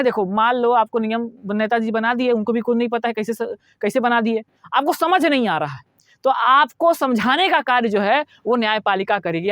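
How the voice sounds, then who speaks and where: A man's voice: very high-pitched, fairly bright tone, dry recording. A man teaching a lecture, explaining step by step, repeating key words and asking his students questions. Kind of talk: classroom lecture.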